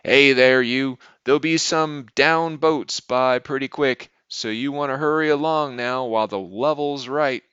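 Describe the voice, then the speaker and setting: A man's voice: medium pitch, a little slow, hardly any pauses, fairly bright tone, clean tone, no echo, lo-fi sound, voice pushed up, close to an everyday voice. A man doing a thin, cracking old lock-keeper. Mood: calling out.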